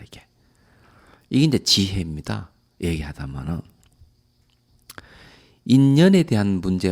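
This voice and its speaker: A Buddhist monk with a fairly low voice delivers a calm dharma lecture. His phrases often fade away softly at their ends.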